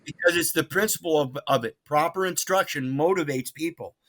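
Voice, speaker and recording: An American man phones a radio show as a caller. His voice sits a little high. He argues his points earnestly and insistently, with a preachy streak. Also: a little fast, fairly bright tone. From Mississippi, United States. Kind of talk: unscripted call-in debate.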